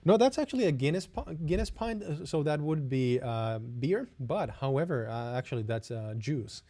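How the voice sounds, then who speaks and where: A young Finnish man hosts a live-stream Q&A in English with a Finnish accent, friendly but hesitant, often halting and starting his sentences over. His mellow voice is mid-range, with lively intonation and a normal speed.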